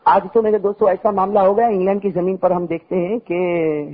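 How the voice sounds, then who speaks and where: High-voiced husky preacher, dull recording. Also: male voice, steady tone. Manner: chanting recitation, chatty asides to congregation. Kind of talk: sermon with humorous story. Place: mosque gathering.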